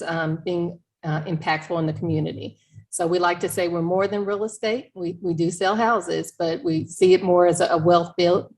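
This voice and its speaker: A woman who owns a real estate firm, introducing her business on a panel in a friendly, energetic way. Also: fairly low pitch. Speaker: real estate broker and owner.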